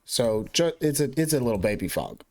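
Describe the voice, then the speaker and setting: A man's voice: medium pitch, brisk. A man talking in a casual, playful way while running a tabletop role-playing game. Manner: animated, playful.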